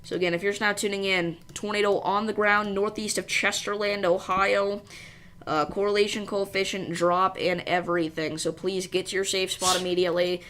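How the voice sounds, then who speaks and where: A woman's voice: medium pitch, level tone, moderate pace, a bit bright, slight background noise. A woman hosting a live severe weather stream, giving informal commentary and thinking aloud as she goes. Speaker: storm livestream host.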